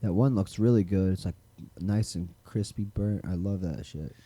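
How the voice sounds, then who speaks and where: A man's voice: sits low, normal speed, mellow, slightly rough. A man co-hosting a live podcast, laid-back and casually swearing, mostly short replies. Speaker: podcast co-host. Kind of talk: casual chat.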